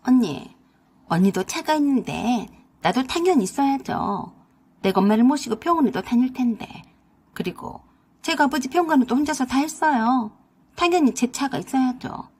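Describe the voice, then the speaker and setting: A spoiled, greedy young sister-in-law whines and demands in a high, shrill voice, as a woman reader acts her out. The breathy tone stays under every pushy line. It is a storybook radio drama with one reader doing all the parts. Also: lively intonation, moderate pace, a little mellow, full character voice. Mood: wheedling.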